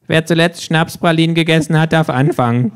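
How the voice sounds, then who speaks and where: In an audiobook-style narration of rules, a man voices a cheeky, sardonic talking kangaroo that lectures everyone with smug mockery. His natural voice sits on the high side, pushed up, smooth and brisk.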